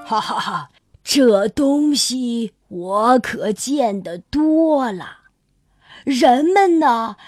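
A woman voicing a kindly old male sea turtle grandfather in a children's bedtime story, speaking slowly and hesitantly. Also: a little high, animated, dry recording, clean studio sound, soft background music, full character voice. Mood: amused. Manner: slow, gentle, hesitant.

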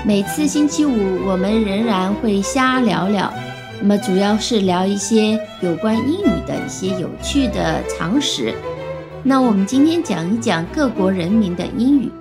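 A woman with a fairly high voice leads a relaxed weekly chat about English usage. She explains with patience and spells words out slowly, letter by letter. She is a native Chinese speaker. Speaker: English teacher. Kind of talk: casual Friday chat lesson.

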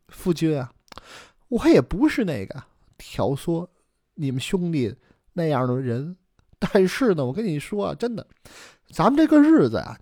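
A pleading young wife in a traditional storytelling performance, as a male narrator puts her on, gentle yet insistent. Her voice rides high and swoops in a lively, sing-song way. The sound is close and dry. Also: no room sound.

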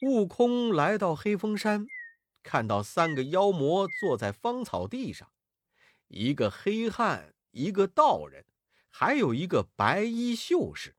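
A storyteller giving a children's storybook narration with a very expressive, swooping delivery. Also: mid-range voice, slow pace.

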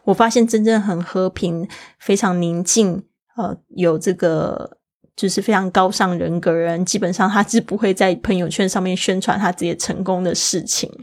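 A woman's voice: lowish voice, fairly even intonation, moderate pace. A woman teaching English in a casual lesson, explaining patiently and spelling out words letter by letter.

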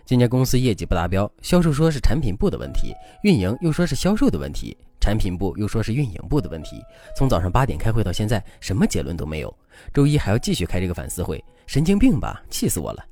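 A man's voice: on the low side, huge pitch swings, quick pace, mellow. A man voicing an overworked, irritable husband who grumbles in sarcastic outbursts, over faint music. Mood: exasperated.

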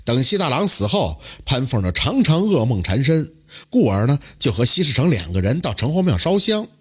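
A man tells a traditional folk tale with a husky, slightly breathy voice. His pitch swings widely as he dramatizes the story in an animated oral-storytelling style. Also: normal speed. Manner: lively, dramatic intonation.

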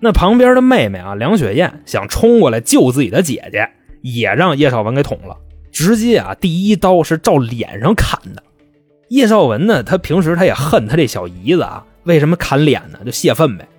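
A man's voice: fairly high pitch, normal speed, slightly rough, no echo, faint music behind. A man telling a true-crime story in a colloquial, chatty way. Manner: colloquial, animated, chatty asides. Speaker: podcast host.

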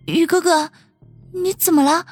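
A woman's voice: extremely high pitch, fairly even intonation, unhurried, a little mellow, dry recording, soft background music. A woman voicing a shy, clingy young woman who pleads tearfully and sweetly with her lover. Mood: pleading.

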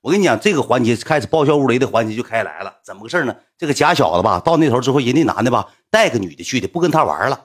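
A man's voice: medium pitch, big pitch swings, rapid-fire, hardly any pauses, husky. A man, telling a story in a chatty, colloquial way. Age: 20s. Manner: chatty, colloquial, recounts with acted-out quotes. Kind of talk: casual spoken storytelling.

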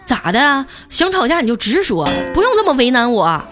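A woman voicing a sharp-tongued wife who is checking up on her husband. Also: a little high, very animated, fairly quick, music in the background, pitched above the performer's own voice. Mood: scolding. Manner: snappy and scolding.

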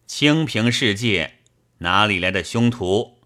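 A man's voice: fairly low pitch, expressive, slow pace, sharp tone, full character voice. A man voicing a stern, upright middle-aged official who speaks curtly and commands. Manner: curt and commanding.

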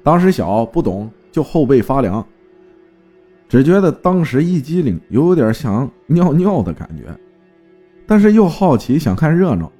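A man narrating a folk ghost story in a lively, vivid storytelling manner. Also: on the high side, measured pace, breathy edge, soft background music.

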